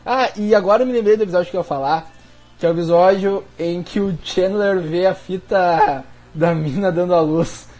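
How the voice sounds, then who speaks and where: A man hosting a podcast, retelling sitcom scenes in an animated, casual way. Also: sits high, moderate pace, faint music behind. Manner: animated storytelling, acts out scenes. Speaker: podcast host. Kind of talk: casual chat.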